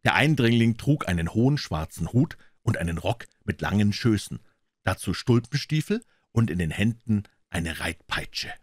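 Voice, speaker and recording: A man narrating a classic detective story as an audiobook reader, in a measured storytelling delivery. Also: fairly low pitch, sing-song, no room sound, clean studio sound.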